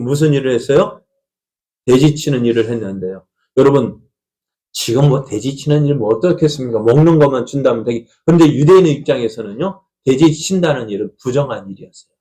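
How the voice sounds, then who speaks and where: A male pastor delivering a sermon at a middle pitch. He tells the story in a folksy manner and keeps putting rhetorical questions to the congregation. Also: warm tone.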